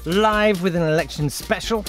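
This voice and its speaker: A man's voice: high-pitched, moderate pace, over music. A man hosting a live radio show, bantering and teasing in a jokey, playful way. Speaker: radio host. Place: radio studio.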